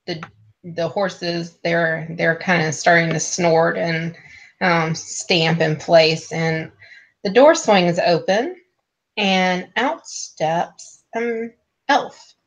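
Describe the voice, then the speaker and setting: Unhurried woman running a tabletop game. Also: fairly low pitch, lo-fi sound. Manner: unhurried, with frequent ums. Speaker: game master.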